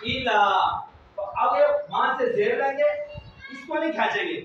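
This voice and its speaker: A man teaching children to read the Quran, asking questions and repeating them, drawing out each sound slowly. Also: very high-pitched. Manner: slow, drawn-out pronunciation drills. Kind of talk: classroom lesson. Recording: very echoey, distant, muffled, slight noise.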